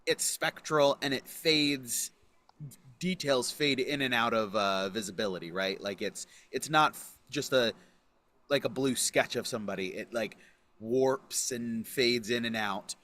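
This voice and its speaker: A man running a tabletop role-play game as game master, describing scenes with many pauses and restarts. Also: mid-range voice, bright, forceful tone. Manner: unhurried, many fillers and restarts.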